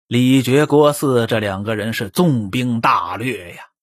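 A man telling a traditional historical tale, animated, swinging between loud exclamations and quiet asides. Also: mid-range voice, a little slow, no echo, studio quality. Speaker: storyteller. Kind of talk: traditional Chinese storytelling.

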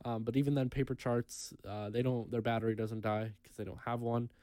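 A young man co-hosting a casual podcast, talking in a relaxed way with many ums and reading news items aloud. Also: medium pitch, fairly quick, dry recording. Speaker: podcast co-host.

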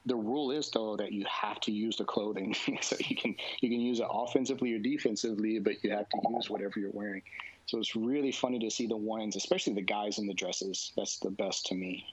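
A man talking casually in a relaxed conversation, rambling with lots of fillers and frequent laughs. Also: lowish voice, a little fast, breathy edge, no room sound. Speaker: jiu-jitsu instructor guest. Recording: dull, dry lo-fi sound.

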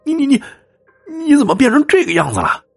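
A man's voice: very high-pitched, huge pitch swings, fairly quick, gravelly, soft background music, pitched above the performer's own voice, full character voice. A man voicing a panicked young man haunted by a ghost, stammering, crying and pleading. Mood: terrified.

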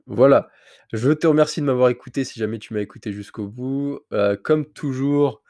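A man with a slight cold hosts his own podcast, telling a personal story straight to the listener in a candid, rambling way. His voice is medium-pitched and warm, at normal speed, in a dry recording. It's a casual solo monologue.

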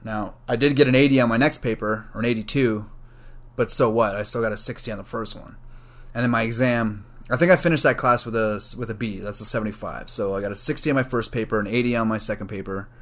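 A man's voice: on the low side, quick pace, fairly bright tone. A man, a college student, telling a story in a casual, rambling, profane way, full of "like" and "you know". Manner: rambling, profane, self-correcting; frequent fillers like "like" and "you know".

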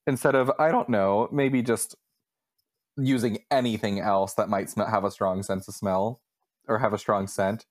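A man's voice: fairly low pitch, fairly even intonation, moderate pace. A man co-hosting a podcast, dropping dry, sarcastic remarks in casual chat. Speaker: podcast co-host.

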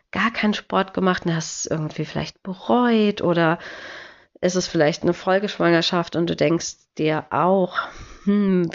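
A woman in her thirties hosts a podcast while she has a cold, her lowish voice a little mellow and the sound lo-fi. She talks casually in a monologue, chatty and encouraging, with plenty of filler sounds.

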